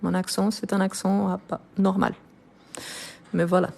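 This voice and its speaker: French-Brazilian woman teacher, mid-pitched, slow and deliberate, lots of filler words, live online grammar lesson. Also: level tone, gravelly, dark tone. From France and Brazil.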